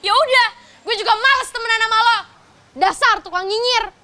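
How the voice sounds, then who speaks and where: A woman's voice: extremely high pitch, a little fast, background noise. An actress playing a spoiled, scheming young woman in a TV soap, bratty and sprinkling in English phrases. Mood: spiteful. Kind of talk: TV soap acting.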